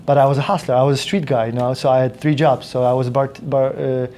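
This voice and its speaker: A man tells his story in a loose, rambling way, circling back and restarting his sentences. His tone is mellow and dark. A faint hum of room ambience sits underneath. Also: medium pitch, steady tone, fast talker. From Poland. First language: Polish. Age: 30s. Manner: rambling with frequent restarts and fillers. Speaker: podcast guest. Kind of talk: casual interview storytelling.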